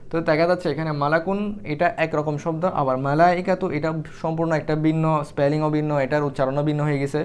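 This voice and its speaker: A man's voice: a little high, little pitch movement, fast, a little mellow, clean tone. A young man teaching Arabic grammar in a casual, explanatory way, thinking aloud with fillers and restarts as he writes.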